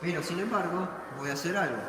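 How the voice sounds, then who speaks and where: A man's voice: high-pitched, fast. A man with an Argentine accent guiding visitors through a museum, explaining as he goes and asking and answering his own questions. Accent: Argentine Spanish. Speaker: museum tour guide. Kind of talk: guided museum tour explanation. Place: museum hall. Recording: echoey room with loud background noise.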